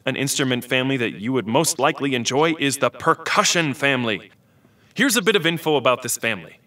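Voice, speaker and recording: A man's voice: a little high, pushed and bright, slight background noise. A man voicing an eccentric, outdated male computer who chats, jokes and laughs at his own puns while guiding kids through instruments. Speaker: instrument selection guide. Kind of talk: scripted educational character. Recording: distant voice over music. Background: music.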